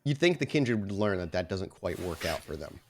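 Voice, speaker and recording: On his actual play podcast, where he is both host and game storyteller for a tabletop roleplay, a man makes casual announcements and then narrates slowly to set the scene. His voice sits low, very animated and a little fast.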